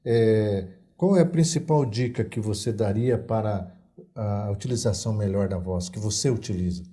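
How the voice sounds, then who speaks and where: A male talk show host keeps the interview moving with quick questions and a joking, easy manner. His voice has a mellow, unhurried tone. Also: on the low side. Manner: jokey, asks short questions.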